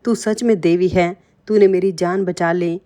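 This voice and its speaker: A simple-minded, strong wrestler from a storybook tale, as a woman narrator reads his lines. He talks plainly and earnestly, and the voice sits low. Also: fairly even intonation, unhurried, mellow, natural voice.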